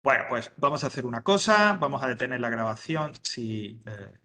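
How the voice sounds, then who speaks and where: A man teaching an English grammar lesson, explaining step by step and reading example sentences slowly. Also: medium pitch, animated, bright, forceful tone, a little hiss or hum. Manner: explains step by step, checks understanding with frequent "¿vale?" and "¿ok?". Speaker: adult education English teacher. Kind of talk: recorded online English lesson.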